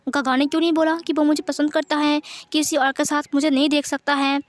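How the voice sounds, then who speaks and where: A woman's voice: high voice, level tone, fairly quick, lightly acted. A woman voicing a playful, teasing young male lover in a storybook read-aloud. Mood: protesting. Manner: teasing, giggly lines.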